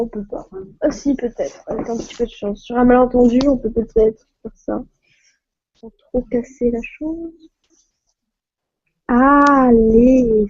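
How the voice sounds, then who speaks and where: A woman's voice: fairly high pitch, darkish tone, highs cut off, a little hiss or hum. Flustered French woman laughing on a stream. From France. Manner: laughing often, flustered by technical trouble. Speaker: live stream host. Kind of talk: casual live stream chat. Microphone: phone.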